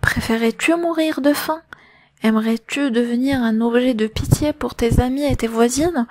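A grave, devout middle-aged father speaks calmly and steadily in an audiobook, as a high-voiced woman narrator reads his lines. The voice is light and close, in a dry recording. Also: dry recording, natural voice. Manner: calm, steady, consoling. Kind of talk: audiobook reading of a novel.

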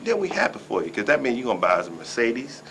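A man's voice: mid-range voice, wildly swooping pitch, fast talker, fairly bright tone, slight background noise. A man in his forties from Dayton, Ohio, doing a rambling, boastful comic rant on a local talk show. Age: 40s. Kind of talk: comic monologue and banter. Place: small room indoors.

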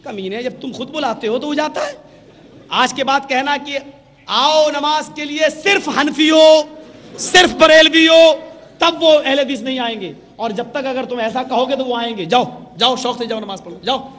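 A man preaching a sermon, animated and mocking, acting out the dialogue in his stories. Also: very high voice. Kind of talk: sermon with storytelling. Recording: long hall reverb.

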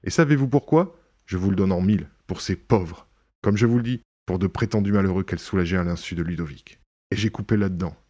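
A man reading an audiobook, voicing a proud, ironic young gentleman burglar who bursts into indignation and mockery. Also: low-pitched, a little fast. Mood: wry amusement. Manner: indignant outbursts, mocking irony.

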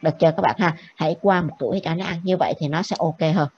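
A woman's voice: on the low side, a little mellow. A woman teacher gives a classroom lecture, checking with the students after nearly every point. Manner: brisk, keeps checking with the class. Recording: dull lo-fi with faint noise.

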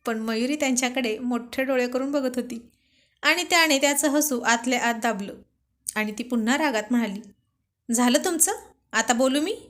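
A woman narrating a romantic storybook in a gently amused, storytelling manner. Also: on the high side, moderate pace.

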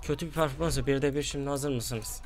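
Man, gaming commentary, excitable, mid-pitched voice, faint music behind. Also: a little fast. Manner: excitable, flares up at losing teammates. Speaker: gaming YouTuber. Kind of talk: casual gameplay commentary.

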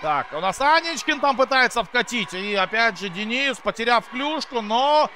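Excited guy doing hockey goal call, high bright voice, drags words out, rink noise behind. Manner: exclamatory, drawn-out words, colloquial interjections. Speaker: hockey commentator. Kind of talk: live play-by-play sports commentary.

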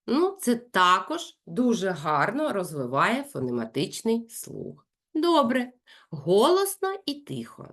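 Slow, sing-song woman teacher. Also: mid-range voice. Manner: slow, clear, with lively sing-song demonstrations; addresses parents directly, gentle and instructive. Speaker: speech therapist consulting parents. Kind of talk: parent consultation lesson.

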